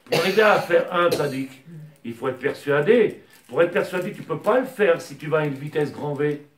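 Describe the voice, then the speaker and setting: A man teaching a Torah lesson with passion, his voice climbing to near-shouting as he mixes in Hebrew terms. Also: fairly high pitch, normal speed. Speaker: rabbi teacher. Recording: echoey room, mic at a distance.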